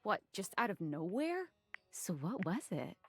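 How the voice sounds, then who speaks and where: Incredulous, casual gal pal for a game: expressive pitch swings, close dry sound. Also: female voice, unhurried, husky, no echo, full character voice. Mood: curious, friendly. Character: casual, sardonic, incredulous best friend. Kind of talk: video game character acting.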